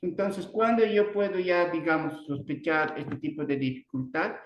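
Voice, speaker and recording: A man with a Bolivian Spanish accent giving an online speech therapy lecture, halting often, restarting words and tagging sentences with a questioning "no". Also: on the high side, fairly even intonation, highs cut off, a little hiss or hum. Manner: halting, many restarts and "¿no?" tags. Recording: roomy echo.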